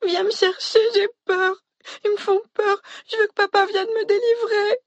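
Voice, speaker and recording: A man's voice: extremely high pitch, flat delivery, normal speed, dry recording, voice pushed up. A man voicing a frightened little girl who pleads tearfully on a video message, heard through a dull lo-fi sound. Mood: pleading.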